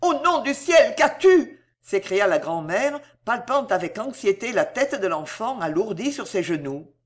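A woman's voice: mid-range voice, lively intonation, moderate pace, natural voice. A woman voicing a frightened old grandmother who is tender and desperate, speaking in a trembling, pleading way. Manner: trembling, pleading, breaking into anguished cries. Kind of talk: audiobook character voice.

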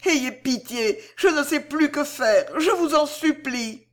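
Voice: mid-range voice, slow, voice pushed up, lightly acted. A reader voicing a tearful pleading mother. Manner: tearful, begging. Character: grieving poor mother, older, pleading. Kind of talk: audiobook character voice.

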